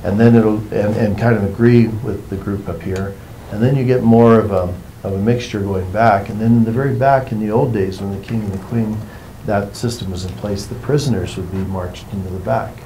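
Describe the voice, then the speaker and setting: A man leading a workshop, explaining things to a group in an informal, meandering and unhurried way. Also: fairly low pitch, steady tone, warm tone, slight background noise, low-quality recording. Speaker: workshop facilitator.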